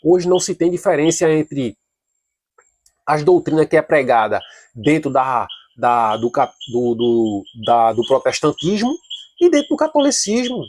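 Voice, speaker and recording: A man's voice: on the high side, animated, a little slow, darkish tone, a little hiss or hum. A man giving an informal Bible study lesson, talking casually, restarting often and getting more emphatic as he argues his points. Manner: casual, repetitive, grows emphatic when arguing; frequent hesitations and restarts.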